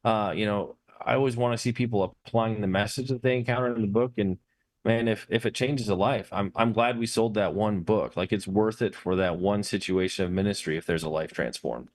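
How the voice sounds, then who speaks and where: Speaking a little fast in a voice on the low side, a book publisher talks as a guest in a casual conversation, reflectively explaining things. The sound is roomy, with echo.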